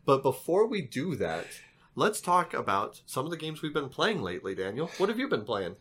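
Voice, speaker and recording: A man's voice: medium pitch, very animated, moderate pace, a bit bright, husky. A man co-hosting a casual board game podcast, playful and teasing, telling little stories animatedly. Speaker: podcast co-host.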